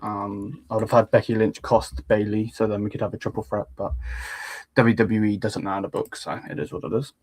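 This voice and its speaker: A man giving a casual wrestling review in a blunt, dismissive way, halting often with ums. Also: on the low side, level tone, darkish tone, no echo. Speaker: wrestling podcast panellist.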